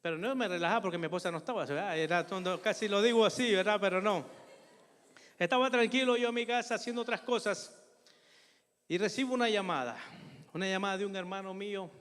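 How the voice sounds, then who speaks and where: A man's voice: high voice, fast, a bit bright, smooth. An older man preaching a sermon and telling a personal testimony in an earnest, emotional way, often calling his listeners brothers. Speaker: pastor. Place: church. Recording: long hall reverb in a church.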